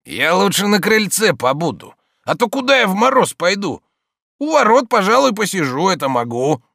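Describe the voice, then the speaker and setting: A man's voice: sits high, big pitch swings, moderate pace, creaky, fairly bright tone, no room sound, clean studio sound, voice pushed up, full character voice. A man voicing a lazy, stubborn old manservant who grumbles and refuses. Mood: grumbling. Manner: sluggish, stubborn, muttering refusals.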